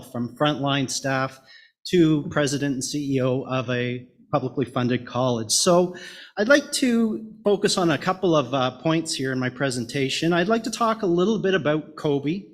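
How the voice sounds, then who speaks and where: A middle-aged man with a Canadian Maritimer accent delivers a prepared presentation. His voice sits a little higher than usual for a man, and he moves through his points in a measured, orderly way. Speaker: education director, presenter.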